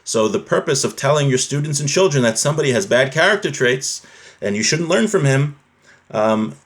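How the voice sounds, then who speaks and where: Teaching religious law informally, this man speaks fairly quickly in an expressive, medium-pitched and somewhat bright voice. He alternates between quoting Hebrew from a text and explaining it in plain, conversational terms, often asking rhetorical questions.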